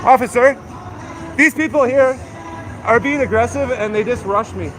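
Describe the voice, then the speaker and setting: A man's voice: extremely high pitch, moderate pace, over music, crowd noise. A man livestreaming outdoors, talking in an agitated, combative way, swearing and repeating himself. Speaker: live streamer. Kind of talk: live street vlog, confrontational talk. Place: outdoors on a city street. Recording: noisy outdoor street livestream. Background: loud street and vehicle noise.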